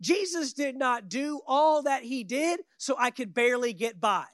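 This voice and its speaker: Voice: sits high, expressive, normal speed, fairly bright tone, no echo. Exhorting, emphatic preacher, close dry sound. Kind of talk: sermon to a congregation.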